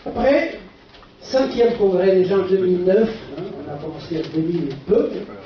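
An older man with a Portuguese accent gives a conference lecture in halting French, asking short rhetorical questions. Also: sits high. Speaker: physician lecturer. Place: dark auditorium stage at a lectern. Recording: echoey hall, distant camera microphone, muffled, faint noise.

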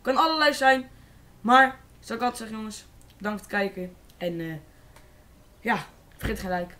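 A Dutch teenage boy giving casual, excitable live commentary on a shooter game and swearing freely. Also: sits high, normal speed. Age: teens. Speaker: gaming YouTuber.

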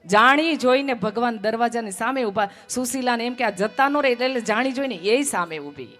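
A woman's voice: a little high, normal speed, a bit bright. A woman from Gujarat telling a devotional story as a sermon, emphatic and fond of repeating phrases. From Gujarat, India.

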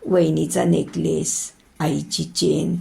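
A woman's voice: low-pitched, little pitch movement, slow, creaky, dark tone, full character voice. A woman voicing a caring elder sister who fusses over her brother in a spoken story. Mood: fussing. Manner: fussing, affectionate scolding.

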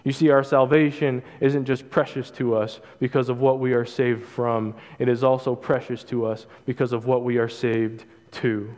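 A young man preaching a sermon as pastor, in a measured, earnest delivery with emphatic repetition. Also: mid-range voice, level tone, a little mellow. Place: church stage, large hall. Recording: hall reverb, dull lo-fi sound.

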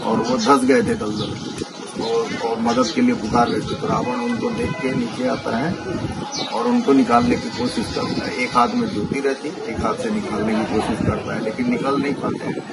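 A man's voice: mid-range voice, animated, moderate pace, over loud music, poor audio. A man in his forties telling a temple legend and pointing out sights, recorded on a phone outdoors at a seaside temple. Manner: storytelling, explanatory. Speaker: travel companion. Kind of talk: casual explaining on camera. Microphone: phone camera nearby. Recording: loud crowd and outdoor noise.

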